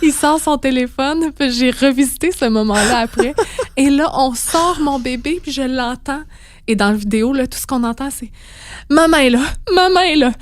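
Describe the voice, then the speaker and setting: A woman's voice: high voice, moderate pace, no room sound. A woman with a Quebec French accent, a guest on a podcast, telling the story of her birth in a vivid, emotional way.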